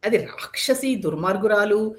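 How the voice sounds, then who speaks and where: A woman's voice: mid-range voice, animated, normal speed, a little hiss or hum. A woman telling a devotional epic story in a conversational way, explaining the meanings of words and asking her listeners rhetorical questions.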